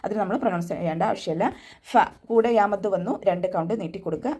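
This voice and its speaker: A young woman teaching Quran recitation in an online class, explaining each step patiently and adding gentle reminders. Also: mid-range voice, quick pace, husky. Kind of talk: online tajweed class instruction.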